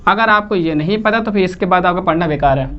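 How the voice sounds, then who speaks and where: A woman's voice: lowish voice, fast talker. Woman teacher quizzing and repeating terms. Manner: quizzes listeners, repeats key terms, checks in with "okay". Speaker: English literature teacher. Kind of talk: classroom-style lecture. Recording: slightly muffled recording.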